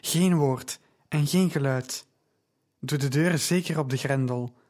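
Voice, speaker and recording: A man reading the part of a poised wealthy woman who speaks calmly and firmly. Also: mid-range voice, a little slow, natural voice. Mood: urgent, hushed.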